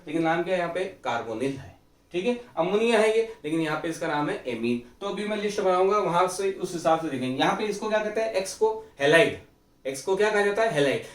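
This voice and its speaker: A man teaching chemistry in a fairly high voice, posing questions and answering them himself and repeating each key term. The room rings with echo and the mic sits some way off from him. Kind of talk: classroom lecture. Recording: echoey room, mic far off.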